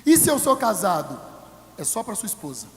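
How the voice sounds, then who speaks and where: A man with a Brazilian Portuguese accent preaching a sermon in a church, humorous, acting out voices of congregants, swinging from loud to quiet. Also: high voice, wildly swooping pitch, a little fast, reverberant, long reverb tail. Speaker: pastor. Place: church hall.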